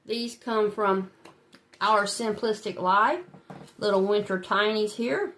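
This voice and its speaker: Slow speech in a mid-range, fairly bright voice marks this woman. A budgeting channel host with a congested, head-cold nose, she keeps up casual, chatty talk with her viewers, laughing a little as she fills her savings challenges.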